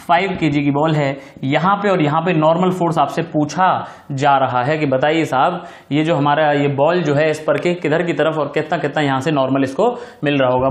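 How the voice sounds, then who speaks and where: A man teaching a physics lesson, his voice sitting high for a man. He walks through each step, repeats the key points and checks again and again that his students follow. The sound is roomy and echoey, like a classroom. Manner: affectionate address to students. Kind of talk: recorded classroom lecture.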